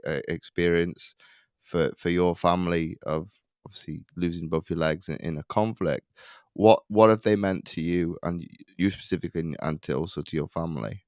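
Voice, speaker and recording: A podcast host with a low, clear, resonant voice conducts a conversational interview with no echo. His questions ramble and drift off into tangents in a loose, chatty way.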